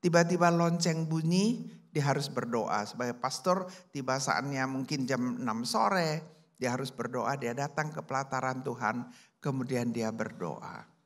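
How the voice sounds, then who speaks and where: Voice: mid-range voice, unhurried. A preacher telling a story in a sermon, acting out the people he quotes. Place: church service.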